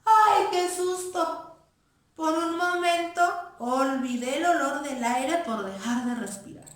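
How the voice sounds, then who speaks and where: A woman voicing a timid, frightened male mouse in a children's play, squeaky and panicky, in an echoey room. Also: very animated, takes it slowly, a bit bright, exaggerated voice. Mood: scared.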